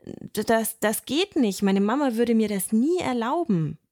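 A woman's voice: on the high side, lively intonation, unhurried, darkish tone, dry recording, clean studio sound, pitched above the performer's own voice. Woman playing a timid little boy, curious, hesitant, raised voice, storybook reading. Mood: pleading. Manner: hesitant, wondering.

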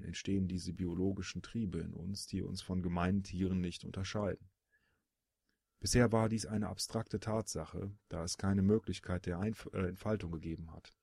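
A man reading a storybook audiobook, voicing a solemn male dragon-born being in a low, gravelly, husky voice with measured, earnest explaining. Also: darkish tone, no room sound, studio quality, full character voice.

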